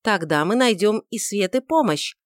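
A woman voicing a proud, quick-tempered young beauty who talks in a mocking, defiant way, on a dry recording. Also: mid-range voice, lively intonation, no echo, natural voice. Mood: exultant.

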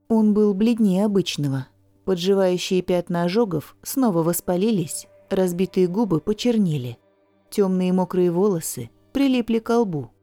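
A woman narrating a first-person audiobook in a wry, expressive way. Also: mid-range voice, no echo.

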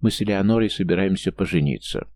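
A man with a low, gravelly voice voicing a smitten young man who is ardent and lovestruck. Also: fast talker, a little mellow. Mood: earnest.

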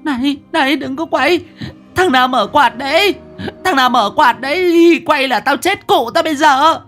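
A man's voice: high-pitched, takes it slowly, fairly bright tone, soft background music, voice pushed up, full character voice. A man doing a squealing panicky effeminate guy. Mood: panicked. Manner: squealing, flustered outbursts. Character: panicky effeminate young man, frantic and whiny.

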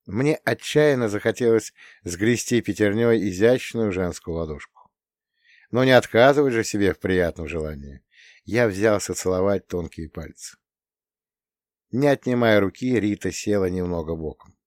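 An audiobook narrator, male, reads a novel told in the first person, delivering the scripted narration in an expressive storytelling style. His voice sits on the low side, and the clean studio recording carries no room sound.

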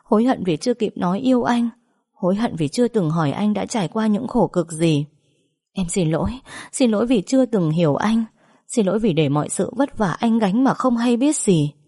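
A woman's voice: medium pitch, animated, normal speed, warm tone, slightly rough, no echo, clean studio sound, pitched above the performer's own voice. A woman voicing a young wife who pleads through choked tears. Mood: tearful pleading.

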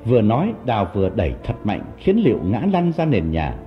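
A man narrating a story in an expressive, dramatic storytelling manner. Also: on the low side, a little fast. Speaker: audiobook narrator. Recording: dull lo-fi audio with background music.

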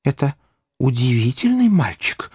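A man voicing a genial elderly gentleman who gets startled and flustered. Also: medium pitch, very animated, unhurried, breathy edge, no echo, studio quality, voice pushed up, exaggerated voice. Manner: fussy, flustered exclamations.

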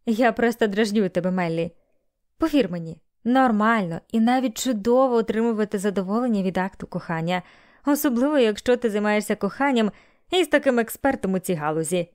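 A woman's voice: medium pitch, lively intonation, a little fast, darkish tone, natural voice. A woman reading a teasing young man. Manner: playful teasing. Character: young man, teasing, cheerful best friend.

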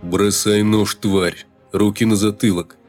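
Man playing a big menacing brute, low bass, growling, contemptuous. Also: level tone, slow pace, faint music behind.

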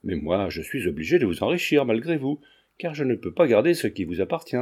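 Guy reading a generous middle-aged businessman, fatherly and earnest, mellow low voice, storybook. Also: big pitch swings, brisk, breathy edge. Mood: reassuring.

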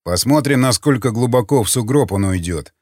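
A man's voice: mid-range voice, animated, fairly quick, a little mellow, no room sound, studio quality, close to an everyday voice. A man voicing a curt, commanding pilot who barks orders, read in an audiobook. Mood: calm commanding. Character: gruff tense male pilot, curt and commanding. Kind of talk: audiobook character voice.

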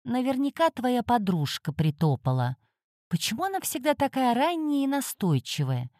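A grumpy male talking cat familiar, put on by a woman reading, whining high and soft from under the covers. His voice sits lighter than the reader's own, with a mellow, dark tone and a dry, close sound. He grumbles and complains at every turn. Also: big pitch swings, moderate pace, no room sound. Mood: grumbling.

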